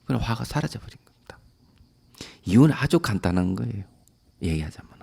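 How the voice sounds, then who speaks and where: A man, a Buddhist monk, giving a calm dharma lecture that often trails off softly at the ends of phrases. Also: lowish voice, fairly quick, creaky, breathy edge.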